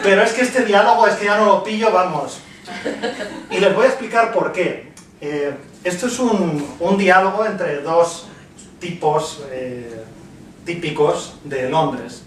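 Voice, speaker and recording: A man's voice: sits high, normal speed, heavy reverb, recorded from a distance, a little hiss or hum, rough recording. Chatty man. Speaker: video commentator. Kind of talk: casual explanation.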